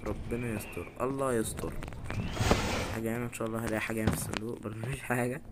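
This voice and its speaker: A man's voice: on the low side, steady tone, very fast, heavy background noise. A man with an Egyptian Arabic accent giving jittery horror game commentary, muttering prayers and letting out sudden scared yelps. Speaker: gaming YouTuber.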